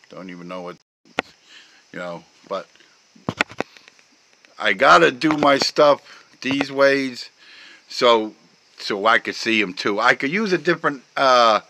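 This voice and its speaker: A middle-aged man chatting casually, rambling with constant "you know" fillers and trailing off softly. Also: lowish voice, a little hiss or hum, low-quality recording. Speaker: vlogger. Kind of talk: casual rambling chat about memes.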